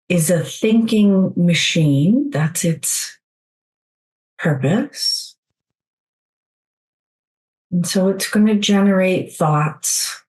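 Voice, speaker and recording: Guiding listeners through a meditation, a woman speaks in a soothing, unhurried, gentle manner and leaves long gaps between phrases. Her voice sits on the low side, and the recording is rough.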